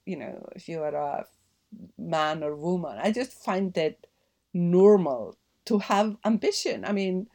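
A woman's voice: fairly low pitch, expressive, measured pace, dark tone. A middle-aged woman from Iceland with an Icelandic accent, answering interview questions thoughtfully, with many fillers and restarts. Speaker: guest. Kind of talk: podcast interview conversation.

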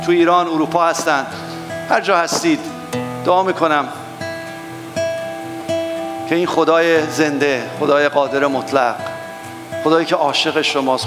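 A man pastor closing his sermon in fervent prayer, his voice climbing to emphatic high peaks. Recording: church hall reverb with guitar music. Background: soft guitar playing.

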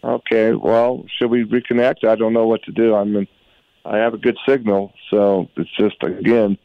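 A man's voice: lowish voice, flat delivery, normal speed, no echo. A man co-hosting a call-in radio talk show, his remote connection breaking up as he poses emphatic rhetorical questions to listeners. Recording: dull lo-fi remote line.

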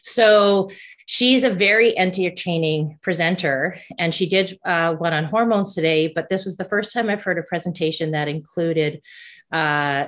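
A woman who coaches and hosts a podcast, talking casually with many fillers and restarts. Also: sits low. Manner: rambling with frequent fillers and restarts. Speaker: ADHD coach and podcast host. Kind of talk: casual conversational chat.

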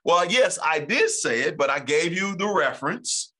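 A male pastor, teaching the Bible emphatically and reading scripture aloud slowly. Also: fairly high pitch, sing-song, pushed and bright.

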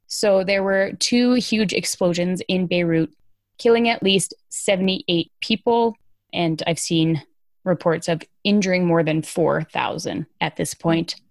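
A woman's voice: lowish voice, unhurried, no room sound. A woman hosting a podcast, talking through news in an informal, emphatic, conversational way. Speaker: podcast host. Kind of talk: casual conversational news commentary.

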